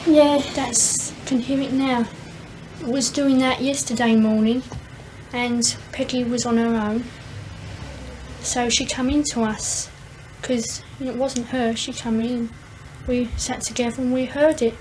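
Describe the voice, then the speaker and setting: Mum, high voice, matter-of-fact, bit of hiss. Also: female voice, little pitch movement, measured pace, a little mellow, rough recording. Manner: plain, matter-of-fact telling. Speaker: mother interviewed at home. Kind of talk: interview answers.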